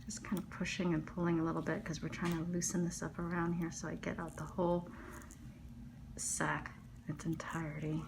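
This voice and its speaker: Middle-aged woman doc, lowish voice, chatty, slips into murmurs, faint hum behind. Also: flat delivery, brisk. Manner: chatty, storytelling, often drops to a murmur. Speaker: dermatologist. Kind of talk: chatting while performing a procedure. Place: medical office.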